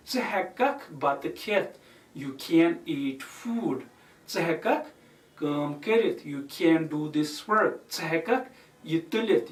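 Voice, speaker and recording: Male language teacher, slow unhurried delivery, repeats examples, roomy echo, mic far off. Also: a little high. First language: Kashmiri. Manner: repeats each example word by word while explaining. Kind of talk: recorded language lecture.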